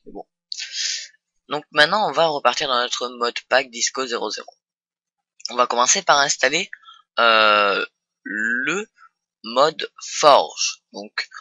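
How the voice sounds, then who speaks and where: A man's voice: medium pitch, pushed and bright, no room sound, muffled recording. A young man talking through a casual computer tutorial, hesitant and full of fillers and restarts. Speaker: tutorial host. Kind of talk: casual screen-recorded tutorial.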